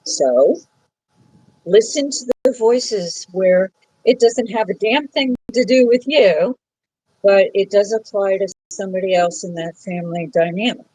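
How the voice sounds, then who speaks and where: A woman hosting a psychic podcast, giving a frank, emphatic reading to a caller and scolding him gently. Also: medium pitch, a little slow, dry recording, poor audio. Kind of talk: casual live call-in reading. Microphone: phone app recording.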